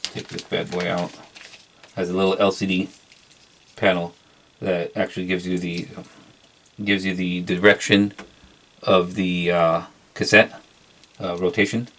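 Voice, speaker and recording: In a casual unboxing review, a product reviewer speaks in a low voice. His delivery is flat and halting as he shows each feature and moves on to the next without hurry.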